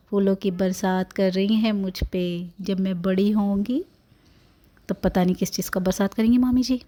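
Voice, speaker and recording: A woman's voice: mid-range voice, dark tone, lightly acted. A woman voicing a cheeky newborn baby girl. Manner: playful teasing commentary. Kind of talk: voice-over narration of a family vlog.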